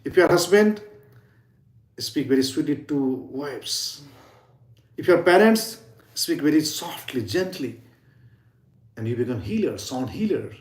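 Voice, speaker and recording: Pitched on the high side with big swings, the man speaks at a measured pace and pauses often, all in a reverberant setting. He's a yoga and sound healing teacher giving an earnest, informal spiritual talk, often falling to near whispers for emphasis.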